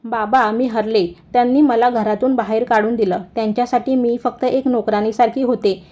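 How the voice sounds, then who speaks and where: A woman's voice: fairly high pitch, steady tone, moderate pace, warm tone, lightly acted. A woman voicing a once-proud young sister who now pleads tearfully, in a dull lo-fi recording.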